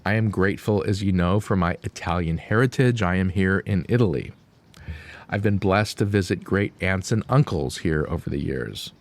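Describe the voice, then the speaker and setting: Grieving man reading a solemn eulogy, lowish voice. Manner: slow, deliberate, grieving, with pauses. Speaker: son giving a eulogy. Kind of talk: solemn eulogy read aloud from a written text.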